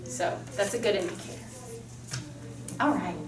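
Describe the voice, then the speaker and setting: A woman speech teacher giving a chatty, fast-talking classroom lecture. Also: mid-range voice. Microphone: camera mic across a classroom. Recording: roomy, distant classroom sound with faint noise.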